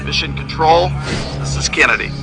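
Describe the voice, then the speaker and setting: A man's voice: fairly high pitch, moderate pace, over music. Man giving clipped calls over radio. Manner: clipped radio procedure talk. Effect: radio transmission. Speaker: launch controller.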